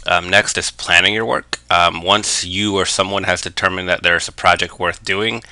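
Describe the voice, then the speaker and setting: A man with a very low, flat voice narrates a hand-drawn explainer lesson. His tone is bright and crisp, recorded dry and close. He talks steadily and keeps dropping in "um" fillers. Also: normal speed, no room sound. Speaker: business analysis educator.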